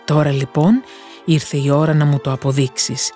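A woman voicing a worried merchant father in a fairy tale, speaking gently and wearily to his daughter. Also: sits low, little pitch movement, faint music behind, lightly acted. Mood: weary.

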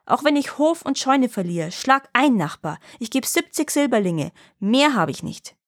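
A woman's voice: medium pitch, lively intonation, normal speed, a little mellow, no echo, studio quality. Woman doing a pompous rich landlord, snappy then all honey and begging, storybook figure. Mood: pleading. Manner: haughty, then honey-sweet and pleading. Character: vain, greedy rich male landowner, quick to anger.

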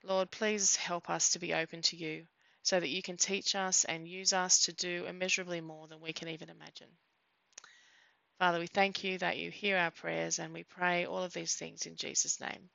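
A woman leads a church prayer in an earnest, measured way, pausing now and then. Her voice is low and gravelly with a flat, even line. The recording is dry and a bit dull and lo-fi. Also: no echo. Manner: earnest, measured, with small hesitations. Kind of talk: spoken prayer. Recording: dull lo-fi sound.

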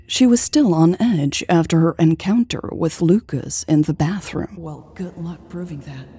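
A woman narrating an audiobook in a measured, steady reading at a close microphone. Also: on the low side, husky, dry recording.

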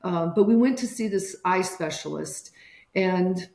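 A woman's voice: fairly low pitch, measured pace, gravelly, a little mellow, echoey room. A woman guest on a podcast interview, telling a personal caregiving story and acting out the voices of people she quotes.

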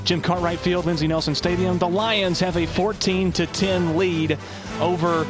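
Male sports host, high register, live halftime broadcast, music behind. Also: fairly even intonation, moderate pace. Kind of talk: live football halftime commentary. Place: stadium press box. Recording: stadium press box broadcast with music.

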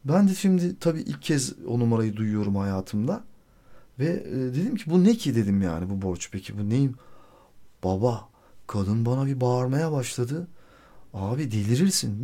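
A man hosting a podcast tells a story from his own life in a loose, chatty way. His voice is warm and mellow. He acts out what each person said and swears freely. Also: mid-range voice. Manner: animated, acts out quoted dialogue. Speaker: podcast host. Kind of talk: casual storytelling monologue.

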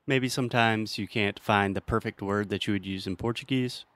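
A man with a fairly low voice hosts a language podcast, joking with his guest while he teaches. He explains grammar patiently, with simple examples. The sound is close and dry, with no room around it. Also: fairly even intonation, moderate pace, fairly bright tone, no echo. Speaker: podcast host and English teacher. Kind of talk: casual teaching chat.

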